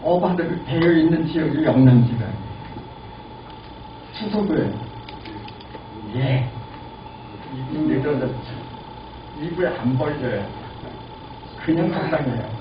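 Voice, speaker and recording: A man in his eighties giving a lively lecture and asking the audience questions. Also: a little high, a little slow, long pauses. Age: 80s. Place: lecture room. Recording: lo-fi, echoey, distant, noisy.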